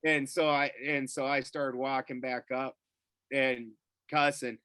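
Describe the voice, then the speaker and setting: Middle-aged male podcast guest, animated and profane, bright tense tone. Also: mid-range voice, a little slow, clean tone, no room sound. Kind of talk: casual storytelling.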